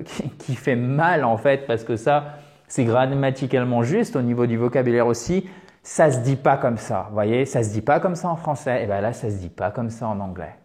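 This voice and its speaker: Man teaching English, lively and chatty. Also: mid-range voice. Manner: lively teaching with many pauses, fillers and checks like "ok?". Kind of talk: explaining an English lesson to the camera.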